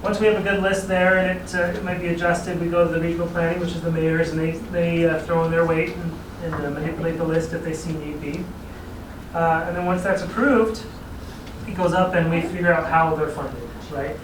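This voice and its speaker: Speaking briskly in a voice on the high side with fairly even intonation, this man from a regional planning agency walks a city council through his material. His tone is relaxed and explanatory, and he laughs lightly at his own asides. Echo, a far-off microphone and obvious background noise mark the recording.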